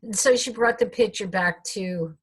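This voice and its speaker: Husky woman telling a myth. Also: medium pitch, moderate pace. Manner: reflective asides to listeners. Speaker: storyteller. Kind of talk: oral myth storytelling.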